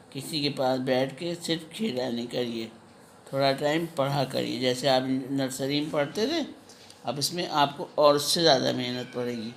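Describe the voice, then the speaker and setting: A woman teaching an online phonics lesson to kindergarten children, drilling syllables slowly and patiently. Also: sits low, slight background noise. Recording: echoey room.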